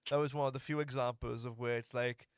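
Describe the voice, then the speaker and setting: A man hosts a casual podcast, teasing his guest with blunt, crude remarks. His voice sits at a middle pitch. The sound is dry and close, with no room around it. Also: steady tone, fast talker, clean tone, dry recording. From Malta. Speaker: podcast host. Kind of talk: casual chat.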